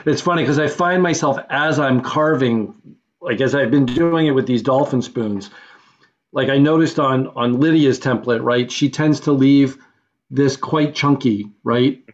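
Man, host, mid pitch, rambling and thinking aloud, dull muffled video-call sound. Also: measured pace. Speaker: host of a carving challenge. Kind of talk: casual video-call discussion.

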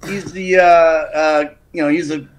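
Gruff joking man on a video call. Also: a little high, fairly even intonation, measured pace, low-quality recording. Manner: gruff, joking, swears casually. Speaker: guest voice actor. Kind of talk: casual chat on a video call. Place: room indoors.

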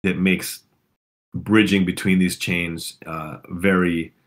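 A man's voice: low-pitched, little pitch movement, slow pace. A man with a sore throat hosting a casual community call, rambling with fillers and restarts.

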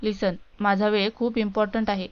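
A woman's voice: mid-range voice, flat delivery, normal speed, smooth, close to an everyday voice. Woman voicing an arrogant young rich man. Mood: scornful. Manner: cold, dismissive, mocking. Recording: dull lo-fi recording.

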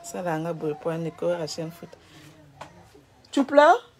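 A woman's voice: deep voice, flat delivery, moderate pace, dark tone, slight background noise. A woman, casually vlogging while she picks up a gift at a money transfer agency and soothes a crying child. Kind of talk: casual self-filmed vlog. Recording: crowd chatter behind.

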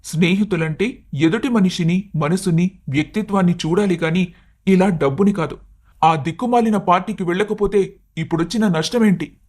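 A man voicing a patient young husband in an animated story, reasoning and pleading with his wife, now and then angry. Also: high voice, normal speed. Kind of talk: animated cartoon story voice acting.

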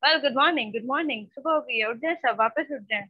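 Over a video call, a woman teaches a spoken English class online, scolding her students and switching between Hindi-Urdu and English. Her high voice is a little slow, picked up by a computer mic with no room sound, and the audio is dull and dry.

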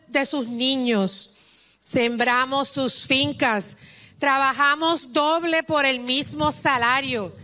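At an outdoor podium mic, a middle-aged Puerto Rican woman with a Puerto Rican Spanish accent gives an impassioned political speech, exhorting the crowd. Her voice sits high and sounds pushed and bright.

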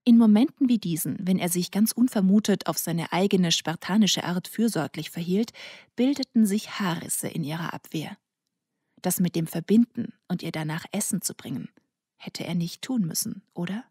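A woman reading an audiobook in a soft, intimate narration that sometimes falls to a near whisper. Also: on the low side, moderate pace, breathy edge, dry recording, studio quality. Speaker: audiobook reader. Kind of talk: scripted narration.

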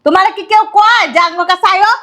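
An actress playing a sharp-tongued middle-aged stepmother who scolds sarcastically. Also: very high voice. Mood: scolding. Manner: scolding, sarcastic, rapid retorts.

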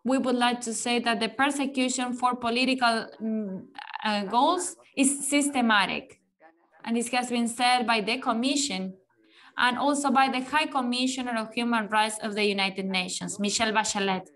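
A woman giving a formal prepared statement at a hearing over a connection that keeps breaking, so her volume jumps up and down. She speaks deliberately, with hesitant fillers. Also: a little high, a bit bright. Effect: uneven volume from a breaking connection, level jumping up and down. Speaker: human rights defender presenting at a hearing.

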